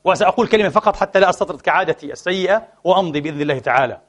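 In this Friday sermon, the preacher addresses his listeners as brothers, sounding saddened and frustrated as he alternates between quiet and loud passages. He sits high in pitch and speaks animatedly at a racing pace.

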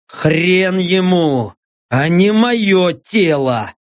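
A male audiobook narrator voicing a stubborn young man in pain, growling his lines slowly. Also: sits high, expressive, dry recording, full character voice. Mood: defiant. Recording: dull lo-fi dry audiobook.

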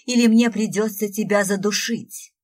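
A woman's voice: medium pitch, fairly even intonation, normal speed, a little mellow, natural voice. A woman voicing a scheming witch stepmother with a sweet, hissing voice in an audiobook. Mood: menacing. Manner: honeyed then hissing.

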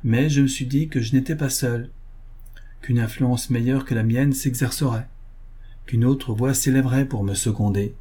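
A man's voice: medium pitch, fairly even intonation, normal speed, warm tone, breathy edge, natural voice. A man voicing an earnest, impassioned duke. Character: loyal nobleman duke, earnest and indignant.

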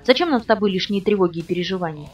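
A woman reading the lines of a calm, falsely polite male villain on the phone in an audiobook. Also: mid-range voice, racing, natural voice. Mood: cold, polite menace. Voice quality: pleasant tenor, falsely polite. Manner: calm, commanding, mocking. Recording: dull, distant recording with faint music.

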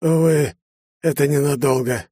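A man voicing a dying older man in an audiobook, weak and gasping, speaking solemnly in halting phrases. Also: medium pitch, a little mellow, slightly rough, no echo, clean studio sound, voice pushed up. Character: dying older man, former boss, pleading.

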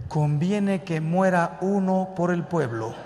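A priest gives a sermon-style talk to a live audience, firing rhetorical questions and acting out both sides of everyday dialogues. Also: male voice, high voice, lively intonation, takes it slowly, background noise. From Mexico. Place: large hall with an audience. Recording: reverberant hall.

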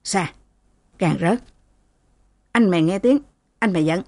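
A woman's voice: lowish voice, unhurried, warm tone, no room sound. A woman voicing a stern, short-tempered old father who speaks in a curt, reproving way.

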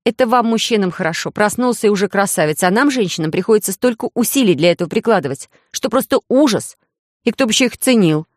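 A woman's voice: mid-range voice, expressive, quick pace, no room sound, clean studio sound, pitched above the performer's own voice, lightly acted. A woman voicing a playful, cunning young heroine in a romance audiobook, coy and teasing.

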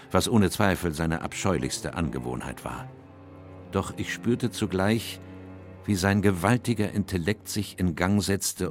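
An actor playing a grave, compassionate gentleman in a radio drama, narrating in a measured, solemn, literary manner. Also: deep voice. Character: grave, compassionate gentleman doctor narrating his detective friend's case.

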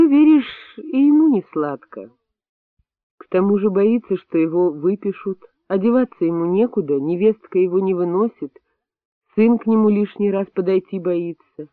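A steady hospital doctor who talks quietly and with weight, reasoning rather than shouting, as the male audiobook reader plays him. His lively voice sits fairly high. The recording is dry and tinny. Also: no echo. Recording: dry, tinny phone-like sound.

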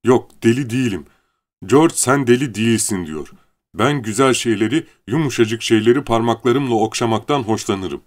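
A man's voice: mid-range voice, moderate pace, pitched above the performer's own voice, close to an everyday voice. A man voicing a big, simple-minded farmhand who is childlike and easily frightened, speaking in a raised, pleading voice. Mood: earnest.

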